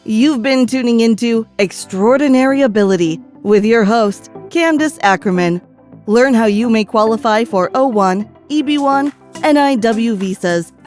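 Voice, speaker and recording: A woman announcer reading a scripted podcast outro in a smooth, even way. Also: on the high side. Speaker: show announcer.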